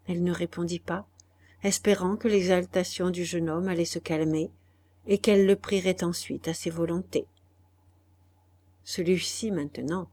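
Woman reading a classic novel aloud, calm and measured narration. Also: fairly low pitch. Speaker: audiobook narrator. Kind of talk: literary audiobook narration.

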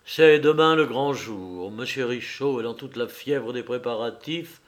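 A man narrating a story in a measured, expressive reading. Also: medium pitch.

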